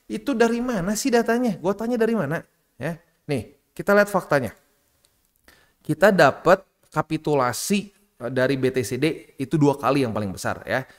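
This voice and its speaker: A man from Indonesia, giving casual, slangy commentary over market charts. His delivery is chatty and animated, and his pitch jumps up when he acts out the people he quotes. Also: normal speed.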